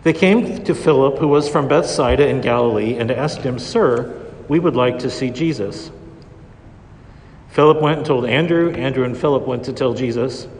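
Priest reading gospel then preaching, slow and deliberate, big church echo hanging on every word. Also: male voice, medium pitch, a little mellow. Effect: long echo of a large church. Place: large church. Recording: reverberant church recording.

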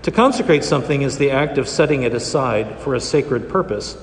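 A man, a priest reading scripture and preaching in a solemn, measured way, his voice echoing through a large church. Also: mid-range voice, animated, a little hiss or hum. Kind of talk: liturgical gospel reading and homily. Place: large reverberant church during Mass. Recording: long cathedral-like echo, large church.

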